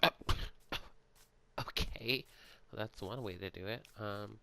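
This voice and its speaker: A man playing out a role-play story in a game for his channel, soft-spoken and hesitant with many pauses, sighs and yawns. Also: fairly low pitch, creaky, noisy background. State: yawning, sleepy. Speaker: gaming channel creator.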